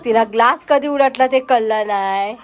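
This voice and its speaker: Casual home vlogger mom, high bright-pitched woman, scolds and coaxes a toddler. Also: normal speed. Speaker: vlogger mother. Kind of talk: casual home vlog chat. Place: home, indoors.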